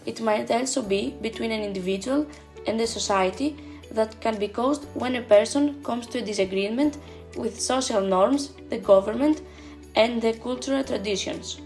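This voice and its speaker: A woman narrating a seminar presentation, reading lists of points in a measured way. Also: on the high side, a little mellow. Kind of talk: read slide narration. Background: faint background music.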